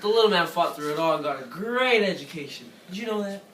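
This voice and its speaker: A man's voice: high voice, animated, quick pace, fairly bright tone, slight background noise. A man co-anchoring a mock newscast for a school project with casual, slangy asides, recorded far from the mic in an echoey room.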